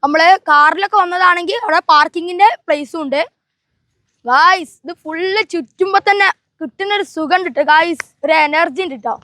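High-pitched woman vlogger mixing in English. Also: a little fast, sharp tone, dry recording. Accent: Malabar Malayalam, northern Kerala. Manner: mixes English words into Malayalam. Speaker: travel vlogger. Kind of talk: casual vlog chat to viewers.

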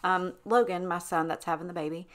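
A woman talks in a loose, rambling way, full of ums, likes and restarts. Her voice sits a little low for a woman, and she chats as if to a friend over her cleaning footage. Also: steady tone, fairly quick. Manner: chatty, rambling, self-interrupting with ums and likes. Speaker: cleaning vlogger.

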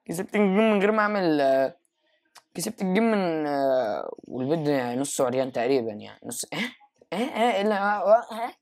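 A man with an Egyptian accent giving live gameplay commentary, excitable, jumping to loud high exclamations and mixing in English phrases. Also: fast. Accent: Egyptian Arabic. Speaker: gaming YouTuber.

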